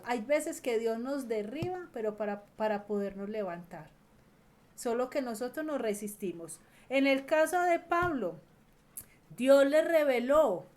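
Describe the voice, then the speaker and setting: Woman preacher, high voice, earnest, slows down on the big lines. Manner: earnest, slows and stresses key phrases, trails off softly at ends. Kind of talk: sermon.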